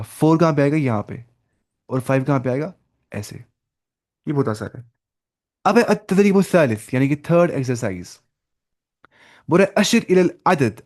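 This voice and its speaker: Patient man teaching an online class over a video call, slow repetition, mid-pitched voice. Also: a little mellow. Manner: patient, repeats each word slowly for the student. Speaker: Arabic teacher.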